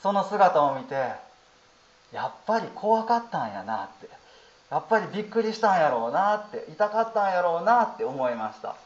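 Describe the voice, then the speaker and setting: A man in his thirties with a Kansai accent, a Buddhist priest giving a gentle, storytelling dharma talk with many fillers. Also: sits high, very animated, moderate pace. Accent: Kansai Japanese. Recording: roomy, slightly dull audio.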